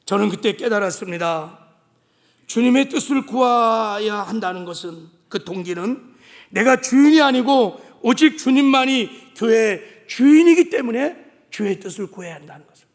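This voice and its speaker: A man, a senior pastor, preaching with emphatic repetition that builds to shouts in a church sanctuary. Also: extremely high pitch, expressive, moderate pace. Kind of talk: sermon. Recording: long reverb of a large hall.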